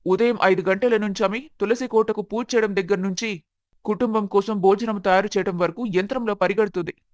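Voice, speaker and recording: A man's voice: sits high, dry recording, studio quality, lightly acted. A man voicing an angry young husband and brother who scolds his spoiled sister, in a storybook narration. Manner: stern, scolding.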